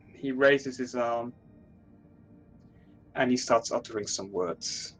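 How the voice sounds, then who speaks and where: A man narrating a tabletop role-playing game as game master, in a measured, dramatic storytelling way. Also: medium pitch, soft background music, poor audio.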